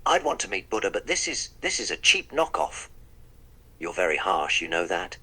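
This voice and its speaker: The Doctor, husky deep-voiced time traveller voiced by a man. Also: big pitch swings, moderate pace, bright, forceful tone, heavily acted, poor audio. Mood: wry. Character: the Doctor, eccentric male time traveller, wry and polite. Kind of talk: text-to-speech role-play with narrated actions.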